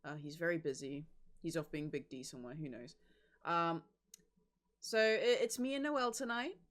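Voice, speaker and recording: A woman hosting a casual game stream, playful and quick to laugh. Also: sits low, animated, fairly bright tone. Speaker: streamer host. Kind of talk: casual gameplay commentary.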